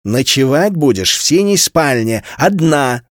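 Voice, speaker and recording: A man's voice: fairly high pitch, sing-song, a little slow, no echo, clean studio sound. A stern curt mother, read by a man. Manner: curt, commanding. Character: stern strict mother, army captain's wife.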